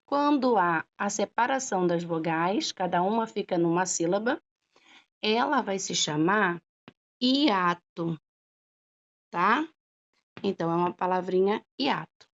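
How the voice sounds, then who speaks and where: A woman teacher talks through a lesson at a very slow, unhurried pace, drawing out each syllable and pausing to check that her students follow. Her voice sits at a middle pitch, and the recording is dull and lo-fi. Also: expressive. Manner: patient, drawn-out syllables, frequent "tá?" checks. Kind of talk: slow classroom explanation.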